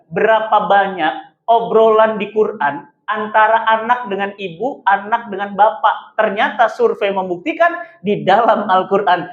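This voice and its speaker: A man preaching a lively sermon to a congregation, posing rhetorical questions and answering them himself. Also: high-pitched. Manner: keeps addressing listeners as "Pak". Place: mosque hall. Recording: echoey, dull room sound.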